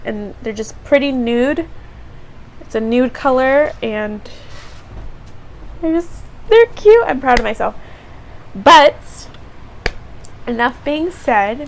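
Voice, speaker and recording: A woman's voice: on the high side, gravelly, a little hiss or hum. A teenage girl vlogger casually narrating each step of a beauty tutorial. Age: teens.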